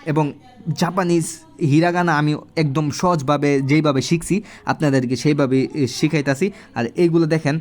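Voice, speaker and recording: A man giving a casual handwriting lesson at home, recorded on a phone, slowly repeating each syllable as he writes. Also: on the high side, fairly even intonation. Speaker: language teacher. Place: home room.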